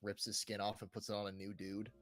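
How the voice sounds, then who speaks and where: This gaming podcast co-host talks fast in a fairly low voice with a completely flat delivery and no echo. His loose, informal chat about video games is full of fillers such as "like", "right" and "you know", set against background music.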